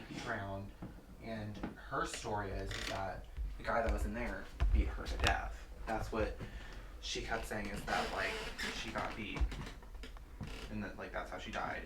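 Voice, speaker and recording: A man chatting casually about what he sensed, rambling with many fillers. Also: lowish voice. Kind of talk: casual chat. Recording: echoey room, heard from far off, with clear background noise.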